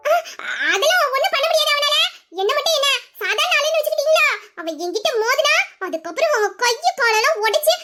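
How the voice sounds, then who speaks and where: A mischievous young wife in an audio drama, played by a woman, chatty and boastful. Her voice sits very high, and she rattles along quickly. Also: animated, heavy background noise. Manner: chatty and boastful, dropping to a hushed scheming tone. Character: playful, mischievous young wife named Ruby. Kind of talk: Tamil audio drama acting.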